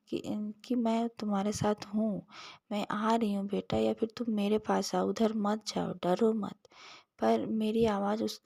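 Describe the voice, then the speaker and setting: A woman in her thirties, an earnest devotee telling a personal dream story in a soft, storytelling voice that sometimes falls to a near whisper. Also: on the high side, gravelly, no echo. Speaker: devotee sharing a satsang testimony.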